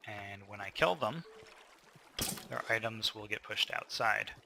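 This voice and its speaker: A man's voice: lowish voice, lively intonation, unhurried, vocal fry, heavy background noise. A man casually narrating his gameplay, thinking aloud with fillers, a little tired. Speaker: gameplay commentator.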